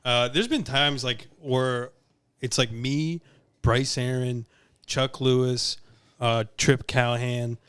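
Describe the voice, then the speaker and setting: A man with a smooth, resonant voice tells a casual comic story. He gets animated and acts out the lines he quotes. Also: mid-range voice, slow. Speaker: comedian guest.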